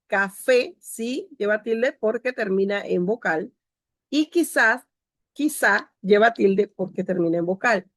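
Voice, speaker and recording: A woman's voice: mid-range voice, no room sound, clean studio sound. A woman teacher giving a grammar lecture over a video call. She explains step by step and cues each slide aloud. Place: home.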